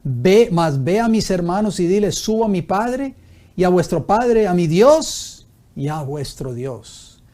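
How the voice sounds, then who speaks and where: Pastor guy preaching, kinda high voice but mellow, keeps asking the crowd questions. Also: very animated, measured pace. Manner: preaching with rhetorical questions, reading scripture aloud. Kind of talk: Bible study sermon on TV.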